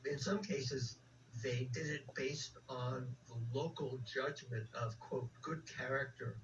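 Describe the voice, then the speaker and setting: Calm man explaining history on radio. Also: mid-range voice, slow pace, distant mic, lo-fi sound, background noise. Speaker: interview guest explaining history. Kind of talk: radio interview.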